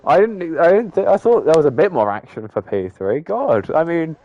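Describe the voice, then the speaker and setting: A man's voice: a little high, big pitch swings, normal speed, dull audio. Rambling man hosting a race recap. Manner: filler-heavy, rambling, frequent "I mean". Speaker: host of sim racing league broadcast. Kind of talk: casual post-race interview.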